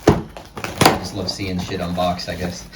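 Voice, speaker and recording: A man hosting at home, chiming in with quick, supportive reactions and casual swearing. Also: low-pitched, monotone, heavy background noise. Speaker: channel host filming his friends. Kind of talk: casual film chat. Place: room in a home.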